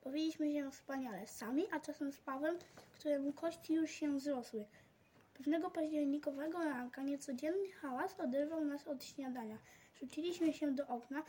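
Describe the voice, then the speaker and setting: A woman reading a children's novel aloud as narrator, in measured storytelling and raising her voice for quoted speech. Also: high-pitched, warm tone, a little hiss or hum.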